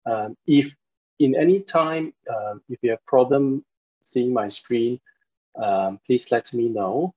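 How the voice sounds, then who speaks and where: A man's voice: medium pitch, takes it slowly, a little mellow, husky. A man in his forties from Singapore, giving an online university lecture, polite and hesitant with many fillers, heard through a computer mic on a video call. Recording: dull lo-fi video call audio.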